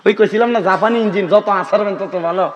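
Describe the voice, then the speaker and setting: A preacher, a man pitched noticeably high for his sex, delivers a sermon to a gathering. He chats and teases, then prods the crowd to answer aloud. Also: brisk, highs cut off. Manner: chatty, bantering, calls out to the crowd for responses. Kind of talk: Islamic sermon (waz) to a gathering.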